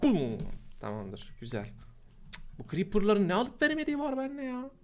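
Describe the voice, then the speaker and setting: A man giving casual gameplay commentary, chatty and prone to loud, exasperated outbursts. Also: sits high, wildly swooping pitch, normal speed. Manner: chatty, bursts into loud exasperated shouting at mobs. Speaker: gameplay host. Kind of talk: casual Minecraft let's play commentary.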